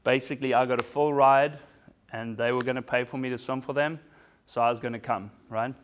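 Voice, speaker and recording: A man's voice: mid-range voice, steady tone, brisk, slight background noise. A man in his forties from South Africa, giving a casual, self-deprecating motivational talk to a business audience. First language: German. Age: 40s. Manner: casual, self-deprecating, often asks "right?". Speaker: keynote speaker.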